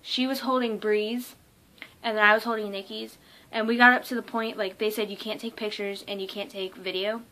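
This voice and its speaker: A young woman telling a casual vlog story, excited and rambling, with lots of ums and likes. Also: medium pitch, moderate pace. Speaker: vlogger.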